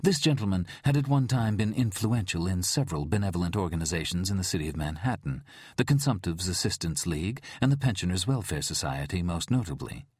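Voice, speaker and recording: A man narrating an audiobook thriller in a measured, dramatic storytelling manner. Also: low voice, expressive, darkish tone, breathy edge, no echo, clean studio sound.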